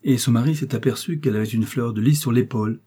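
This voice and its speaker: A man's voice: medium pitch, quick pace, dark tone, husky, lightly acted. A man reading the lines of a blunt, hearty musketeer who exclaims his surprise.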